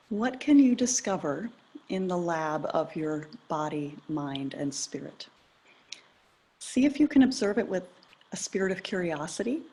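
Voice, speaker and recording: A middle-aged woman leading a guided meditation, talking in a calm, gentle, measured way. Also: mid-range voice, slightly rough. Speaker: meditation leader.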